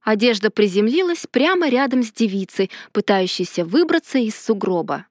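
A woman narrating a first-person fantasy romance audiobook in a lively, expressive way. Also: fairly high pitch, moderate pace, no room sound, studio quality.

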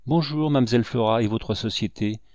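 A man's voice: medium pitch, brisk, a little mellow, no echo, clean studio sound, lightly acted. A man voicing a poor old woman who sells goat milk and greets people politely, in an audiobook reading. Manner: polite and welcoming.

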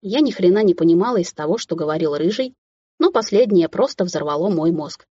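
Style: romance audiobook narration. Sex: woman. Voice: low, husky. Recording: slightly dull. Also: lively intonation, a little fast, warm tone, no echo.

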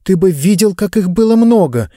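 A man's voice: sits high, lively intonation, moderate pace, warm tone, no echo, studio quality, pitched above the performer's own voice. A man voicing a kind-hearted young girl who pleads earnestly, in an audiobook. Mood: pleading.

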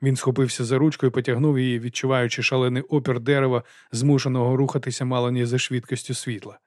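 A man reading an audiobook in a steady, measured narration. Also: medium pitch, dry recording, clean studio sound. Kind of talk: scripted narration.

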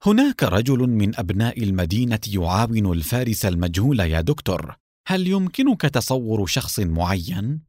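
A man voicing a sharp, defiant young captain. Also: on the low side, sing-song, fairly quick, no echo. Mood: probing. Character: angry young male police captain. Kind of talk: storybook reading with voices.

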